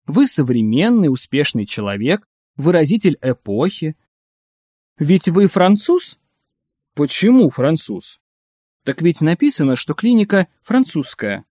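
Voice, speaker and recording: A man doing a smooth-talking, persuasive biographer. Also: on the high side, sing-song, unhurried, mellow, dry recording, studio quality. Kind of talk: audiobook character reading.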